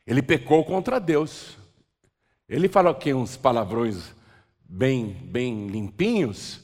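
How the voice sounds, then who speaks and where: Lively preacher in a reverberant hall. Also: male voice, medium pitch. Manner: lively, joking, acts out scenes with a volunteer. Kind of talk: sermon with live role-play.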